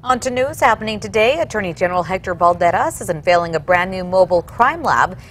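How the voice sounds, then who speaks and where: A woman's voice: medium pitch, lively intonation, fast talker, fairly bright tone. Female TV news anchor, mid-range voice, scripted read, faint noise behind.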